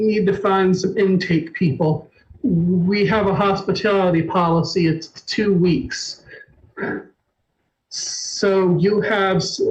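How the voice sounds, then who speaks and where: A man's voice: sits high, darkish tone, highs cut off. A man voicing a tall young male changeling guide who stammers and talks in an offhand way.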